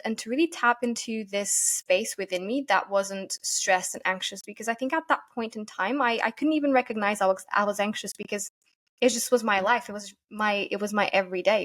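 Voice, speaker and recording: A woman from Portugal, a yoga teacher giving earnest, thoughtful interview answers and often pausing to find her words. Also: medium pitch. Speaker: podcast guest, yoga teacher.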